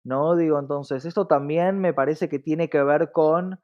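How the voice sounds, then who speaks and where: An Argentine podcast guest who is a diversity professional reflects in an unhurried, slightly high voice with fairly even intonation. He regularly slips in short tag questions to check in, and the recording is dull and lo-fi.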